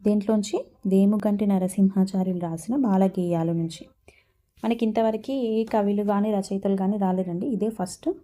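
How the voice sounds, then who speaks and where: A woman's voice: mid-range voice, fairly even intonation, normal speed, warm tone. A woman explaining a school textbook lesson, asking questions and answering them herself. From Telangana. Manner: asks and answers her own questions. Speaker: teacher.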